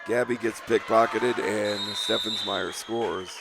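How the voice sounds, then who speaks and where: A low, gravelly man's voice gives play-by-play for a local girls' basketball game. He reads out the score and the time left at an even pace. His voice is scratchy and has a lot of rasp. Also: slow pace. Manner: steady play-by-play, reading scores and clock times. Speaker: play-by-play announcer.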